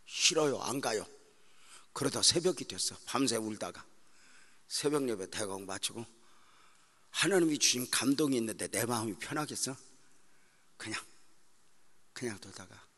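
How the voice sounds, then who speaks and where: A middle-aged man preaching a sermon as pastor, telling stories with strong emotion, moving between loud outbursts and hushed, almost whispered prayer. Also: fairly low pitch. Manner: emotional storytelling, swings from shouting to hushed prayer.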